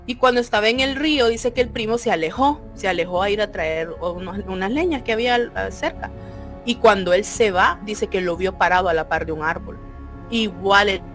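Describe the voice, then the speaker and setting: A woman, co-hosting a podcast and telling a story with lively, acted-out voices. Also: medium pitch. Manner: animated, acts out quoted voices. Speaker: podcast co-host. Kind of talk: casual storytelling.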